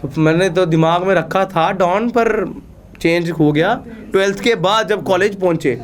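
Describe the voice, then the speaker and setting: A man's voice: sits high, unhurried. A young man, an athlete guest on a podcast, telling rambling stories full of fillers and frequent laughter in a studio. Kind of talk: casual storytelling interview.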